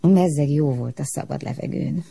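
A woman reading a children's story aloud in an expressive, animated manner. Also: low voice, vocal fry, slightly rough.

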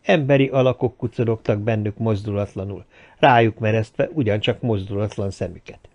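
A man reading an audiobook aloud in a steady, expressive storytelling manner. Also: lowish voice. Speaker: audiobook narrator. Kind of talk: audiobook narration. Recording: slightly dull lo-fi audio.

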